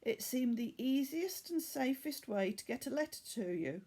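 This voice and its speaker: A woman takes on the part of a weary, earnest boy from Bangladesh, narrating his storybook tale in a measured manner. Her high, expressive, mellow voice feels earnest and confiding.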